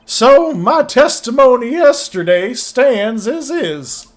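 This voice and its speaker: Game witness: crotchety old Appalachian prospector, folksy and dodgy, pitched high. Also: male voice, sing-song, takes it slowly, soft background music, heavily acted. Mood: defensive, folksy. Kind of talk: old prospector character voice in a video game voice-over.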